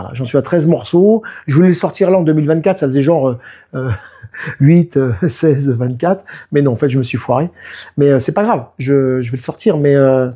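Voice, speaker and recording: A man's voice: a little high, slightly rough. A man in his fifties, a musician, chatting in an interview and acting out what people told him. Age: 50s. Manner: lively storytelling, often acts out what people said. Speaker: musician and producer, guest. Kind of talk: casual interview talk.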